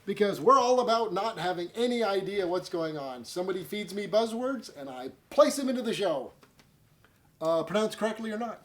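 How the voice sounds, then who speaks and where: A man's voice: sits high, expressive, moderate pace. A man hosting a casual comedy food review show, joking at his own expense and rambling with fillers. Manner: self-mocking, jokey, rambling with fillers. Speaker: host.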